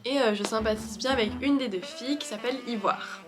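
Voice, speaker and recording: A woman vlogger tells her story in a chatty, animated voice-over, dropping fillers as she goes. Her voice sits a little high. Music plays clearly behind her. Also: a little fast. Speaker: vlogger and street-style photographer. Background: background music.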